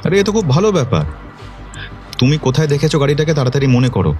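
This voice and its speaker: An actor playing a commanding police detective who questions witnesses firmly. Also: male voice, on the high side, very animated, fast, darkish tone, faint music behind. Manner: firm, authoritative questioning.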